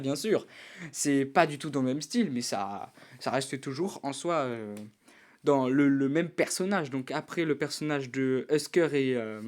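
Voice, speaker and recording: A man's voice: a little high, a little mellow. A man giving casual tier-list commentary on songs, hesitant with many restarts, with bursts of enthusiastic verdicts. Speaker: youtuber ranking songs.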